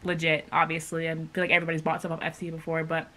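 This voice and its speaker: A woman's voice: low-pitched, monotone, fast, sharp tone. A young American woman vlogger chatting casually to the camera at home, rambling with lots of "like". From Maryland, United States. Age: young adult. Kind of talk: casual day-in-the-life vlog chat to camera. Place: rooms at home, indoors. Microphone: camera at arm's length or propped nearby. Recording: clearly noisy home camera audio.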